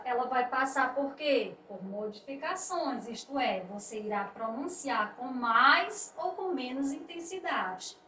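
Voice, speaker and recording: A woman teacher explaining spelling rules slowly and patiently, restating each point. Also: high-pitched, a bit bright. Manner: slow, explanatory, repeats points with "isto é". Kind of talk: spelling lesson. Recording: echoey room, voice a bit distant, faint noise.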